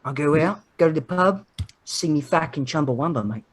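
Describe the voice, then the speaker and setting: A man's voice: a little high, animated, fairly quick, breathy edge. Man putting on a rowdy mock-Australian mill worker. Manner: brash, swearing, singing bits.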